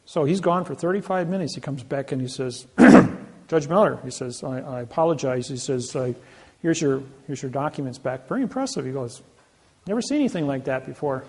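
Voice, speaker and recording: A man's voice: medium pitch, fairly quick, darkish tone, slightly rough. An older man giving a seminar talk, telling boastful stories with many restarts and false starts. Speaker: seminar speaker. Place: seminar room.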